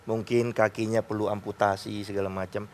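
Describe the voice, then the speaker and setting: A man speaking as a guest on a television talk show, slow and deliberate, repeating words for emphasis. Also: on the low side, flat delivery, darkish tone.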